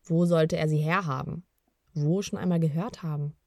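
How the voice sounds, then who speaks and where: Woman narrator, lowish voice, calm even storybook read, dry booth sound. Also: moderate pace, no room sound. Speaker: audiobook narrator.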